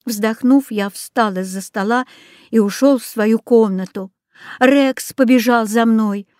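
Expressive woman reading a storybook. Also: fairly high pitch, measured pace, clear, resonant tone, dry recording, clean studio sound. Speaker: audiobook reader. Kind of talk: storybook narration.

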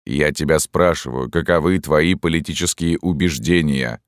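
A man's voice: extremely low pitch, moderate pace, no room sound, clean studio sound. A man reading an audiobook plays a stern, bearded army sergeant who asks curt, demanding questions. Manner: gruff, interrogating, curt. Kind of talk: audiobook narration.

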